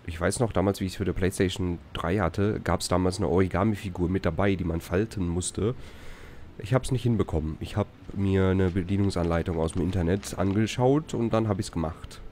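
A man's voice: sits low, fairly quick, darkish tone, a little hiss or hum. A man giving casual, colloquial let's play commentary, muttering reactions and reading game text aloud.

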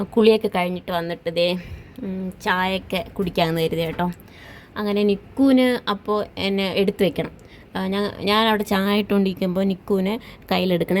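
A woman, chatting away in a relaxed, rambling way as she vlogs her family evening at home. Her voice sits at an ordinary middle pitch, and a faint hiss of room noise runs underneath. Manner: chatty, tags sentences with "kettō". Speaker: vlogger, mother. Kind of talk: casual home vlog narration.

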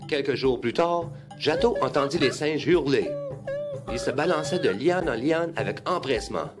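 A man reading a children's story aloud, lively and expressive. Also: on the high side, normal speed. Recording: music bed under the voice.

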